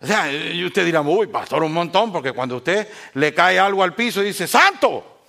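A male pastor, preaching an animated sermon and joking with his congregation. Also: a little high, moderate pace, gravelly.

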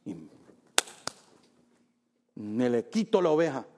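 A man's voice: mid-range voice, big pitch swings, takes it slowly, dark tone, pitched below the performer's own voice. A man voicing an eager, insistent young shepherd boy, in an echoey hall. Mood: boasting.

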